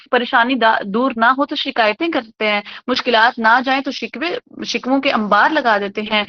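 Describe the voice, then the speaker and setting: A woman's voice: fairly high pitch, fairly bright tone, highs cut off. Patient woman teaching a religious lesson. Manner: patient, repeats 'theek hai?' to check understanding; mixes English words into her speech. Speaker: Quran teacher. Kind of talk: religious lesson, explaining word by word.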